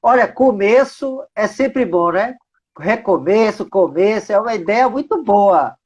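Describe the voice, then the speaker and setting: A man's voice: high-pitched, lively intonation, unhurried, a little mellow, breathy edge. A Brazilian man joining a livestream as a guest, friendly, thanking his hosts over a video call. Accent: Brazilian Portuguese. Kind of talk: casual livestream chat. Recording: dull lo-fi call audio.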